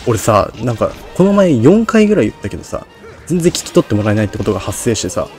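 A man's voice: mid-range voice, sing-song, fast talker, darkish tone, soft background music. A man giving rambling, self-deprecating commentary on a game, his diction slurred and hard to catch. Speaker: game streamer. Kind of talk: casual Let's Play commentary.

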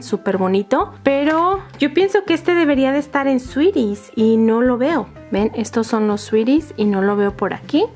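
A woman's voice: a little high, a little mellow. A woman presenting a toy unboxing to young viewers, enthusiastic and full of exclamations. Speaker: toy channel host. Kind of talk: toy unboxing narration for children. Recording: music behind the voice. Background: music.

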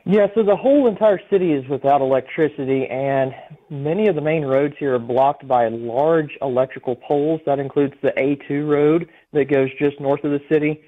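A man's voice: a little high, normal speed. A man giving a live eyewitness report as a storm chaser in a phone interview. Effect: phone line. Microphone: telephone. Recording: thin, narrow-band phone line.

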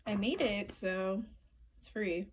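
A woman's voice: mid-range voice, takes it slowly. A woman, chatting casually to her phone camera in a student vlog, upbeat and full of fillers. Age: 20s. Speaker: college student vlogger.

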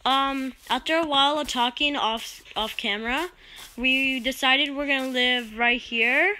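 A woman talks through her game in a loose, rambling way and keeps dropping in filler sounds. Her voice sits high and has a bright edge to it. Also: a little slow, poor audio. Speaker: let's play host. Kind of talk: casual gameplay commentary.

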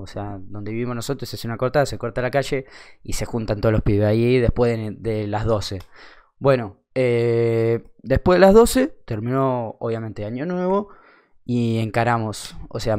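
Smooth and darkish, his voice sitting at medium pitch, a young adult with an Argentine Rioplatense accent recounts something funny. The storytelling is casual, slangy, and laced with swearing.

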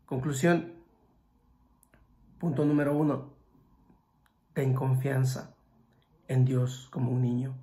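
Gravelly-voiced preacher man, dramatic. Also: mid-range voice, steady tone, takes it slowly, pauses often. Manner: swings between loud exclamations and hushed, near-whispered passages; speaks to listeners directly with rhetorical questions. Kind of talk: sermon.

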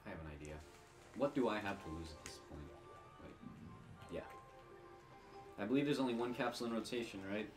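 A man's voice: on the low side, lively intonation, a little fast, pauses often, over music. A young man playing a party video game with friends, sarcastic and swearing, making mock-dramatic complaints. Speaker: player in a gaming video. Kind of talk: casual banter while playing a party game.

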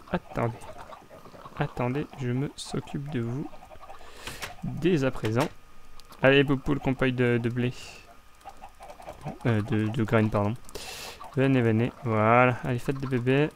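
A man's voice: mid-range voice, steady tone, unhurried, pauses often, slight background noise. Chatty young Frenchman narrating gameplay. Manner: rambling, chatty, frequent restarts and fillers. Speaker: Minecraft let's play host. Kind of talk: casual gameplay commentary.

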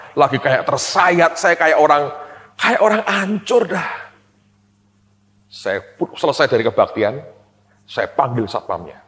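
A male pastor delivers a sermon full of personal storytelling, his voice leaping between loud, high, laughing bursts and hushed, low asides. His pitch moves widely across every phrase. A long reverb trails his voice through the hall. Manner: drops to quiet, low tones for serious moments.

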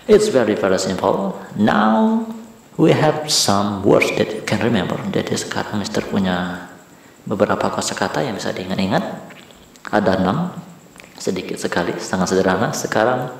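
A man's voice: lowish voice, animated, moderate pace, vocal fry, slight background noise. A man teaching an English grammar lesson, repeating and stressing key words. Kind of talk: bilingual classroom-style lesson. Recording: very echoey room.

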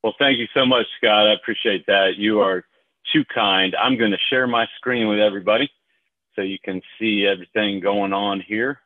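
Man, low voice, polite, easygoing, conference call presenter, tinny phone line. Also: fairly even intonation, normal speed, dry recording.

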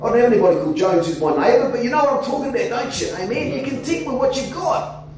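A man in his forties with an Australian accent, preaching an animated sermon into a handheld microphone in a church hall. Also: extremely high pitch, quick pace, a crowd in the background. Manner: animated, gesturing, coaxing the congregation. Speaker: pastor. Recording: echoey hall, somewhat distant, faint noise.

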